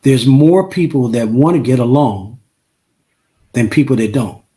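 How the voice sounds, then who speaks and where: Unhurried and mellow, this male musician guest speaks in an animated, mid-range voice during a casual podcast interview. He makes his points emphatically, repeats himself and checks with "right?".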